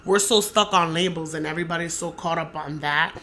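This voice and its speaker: With a low voice running a little fast over a faint hiss or hum, this young adult podcast co-host talks in an animated, profane, emphatic way, often repeating herself. She is Dominican-American and grew up in the United States.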